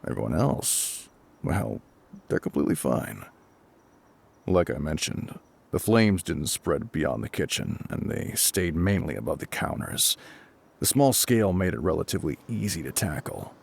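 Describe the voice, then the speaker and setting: Playing a gruff but calm fire captain, a man speaks in an extremely low, husky, gravelly voice, fully in character. He talks to the listener in a measured, reassuring, matter-of-fact way, as part of an intimate scripted audio roleplay.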